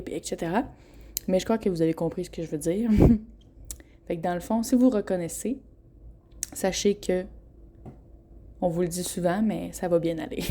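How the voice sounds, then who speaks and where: A warm, lowish female voice belongs to a twenty-something Quebec native with a Québécois French accent. Alone on her casual podcast, she chats openly, breaks into laughter often, and trips over her phrasing.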